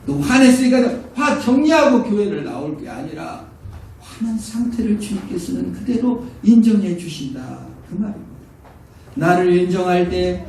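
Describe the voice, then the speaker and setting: Male pastor, animated sermon delivery, fairly high, dark-toned voice, distant mic in an echoey church. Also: slight background noise. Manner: animated preaching, acting out quoted voices, swings between loud and hushed. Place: church sanctuary.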